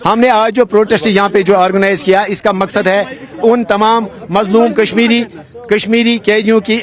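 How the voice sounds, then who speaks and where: A man with a Kashmiri accent, speaking earnestly at an outdoor protest interview, often pausing and restarting. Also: high voice. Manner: earnest, halting with many fillers and restarts. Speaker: politician at a protest. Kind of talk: on-the-spot interview.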